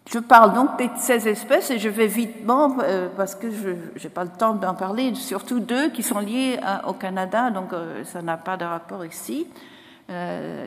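A woman in her sixties from Ireland with a foreign, Irish accent in French, presenting at a conference in a halting, self-correcting way. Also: medium pitch. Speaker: botanist giving a conference talk. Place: large lecture hall, indoors. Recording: echoey auditorium with long reverb.

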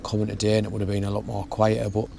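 Young guy talking low and kinda monotone at the lake, camera a few steps off, faint hiss outside. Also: racing, vocal fry. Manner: relaxed, explains step by step. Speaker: fishing vlogger. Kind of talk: casual how-to narration. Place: outdoors at a lakeside bank.

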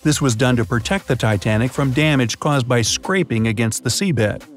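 A man reads a scripted explainer narration, tossing in playful jokes now and then. His mid-range voice runs at normal speed, recorded as a studio voice-over with faint background music.

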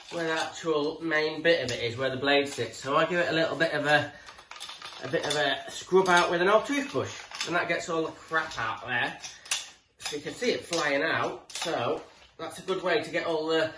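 Filmed in a living room by a camera a few feet off, this forties British man talks casually like a tradesman sharing loose, rambling tips on tools. His voice sits fairly high and sounds fairly bright, and his manner is matey and chatty with mild swearing. The room echoes, the mic is distant, and background noise comes through.

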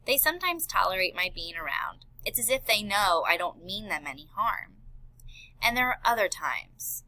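A woman's voice: medium pitch, big pitch swings, normal speed, pushed and bright, no room sound, rough recording. Woman voicing an earnest worried scientist father. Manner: earnest, pleading.

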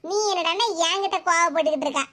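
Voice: very high-pitched, racing. A performer voicing a cheeky, greedy young daughter in a cartoon, with a Tirunelveli Tamil accent and a teasing, coaxing way of talking. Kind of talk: cartoon voice acting. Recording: loud background noise.

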